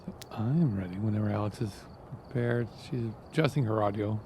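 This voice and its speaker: A man's voice: fairly low pitch, fairly quick, vocal fry, warm tone, slight background noise. A man with a Canadian accent, a native French speaker, hosting a game live stream and talking at length to his viewers. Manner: rambling, explains at length to the viewers. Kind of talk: casual live-stream commentary.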